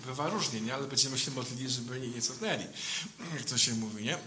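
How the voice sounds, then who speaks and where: A man's voice: medium pitch, fast talker, pushed and bright, slight background noise. A man, a priest, giving an informal sermon in a conversational way, often adding a questioning tag to his sentences.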